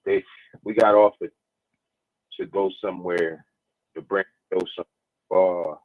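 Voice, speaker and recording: A man's voice: low-pitched, steady tone. Man on a choppy, breaking-up phone line. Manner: halting, restarting mid-phrase. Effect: choppy, breaking-up phone connection. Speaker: guest calling in to a talk show. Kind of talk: casual call-in chat. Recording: dry, tinny phone line.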